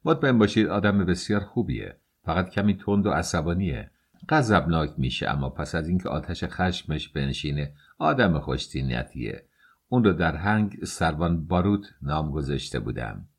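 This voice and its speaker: A man's voice: deep voice, expressive, slightly rough, heavily acted. A man voicing a genial police chief who speaks kindly and soothingly. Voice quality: kindly, coaxing. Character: genial male police chief smoothing things over.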